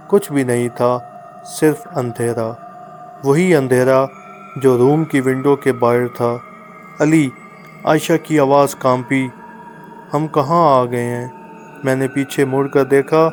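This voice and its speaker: A man's voice: mid-range voice, a little mellow. Man narrating a horror story dramatically. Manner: dramatic, measured delivery with pauses.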